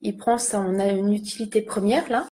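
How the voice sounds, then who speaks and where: A woman's voice: medium pitch, moderate pace, mellow. A young woman chatting casually while doing a makeup tutorial, self-mocking and talking to her viewers as she applies lipstick. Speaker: beauty vlogger.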